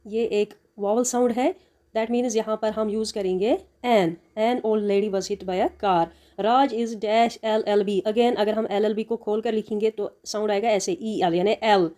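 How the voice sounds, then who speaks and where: Woman, grammar teacher, mellow voice, steady methodical explanations mixing Hindi and English. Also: mid-range voice. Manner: methodical, reads example sentences slowly and deliberately.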